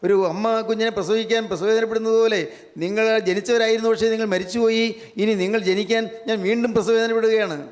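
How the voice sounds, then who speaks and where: A man preaching a sermon, emphatic and repetitive, sinking into hushed fervent prayer. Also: sits high, fairly even intonation, fast. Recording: long hall reverb.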